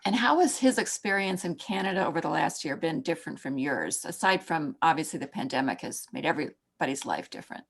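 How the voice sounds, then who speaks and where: A woman asking interview questions in a measured, polite way over a video call. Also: deep voice, expressive, vocal fry, slightly rough.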